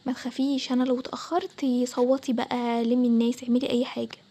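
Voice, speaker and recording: Bold young Egyptian boy, a woman voicing, high, fast and sure of himself, cartoon story. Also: little pitch movement. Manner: confident, reassuring, hushed at times. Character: bold young boy Adam, daring treasure hunter.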